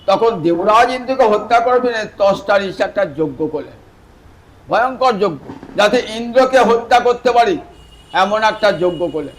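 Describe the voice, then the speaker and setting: Male devotional preacher, high voice, animated sermon storyteller, addresses the audience directly, faint hiss in the background. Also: poor audio. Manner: swings from soft, slow phrasing to louder, emphatic bursts. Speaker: Vaishnava preacher.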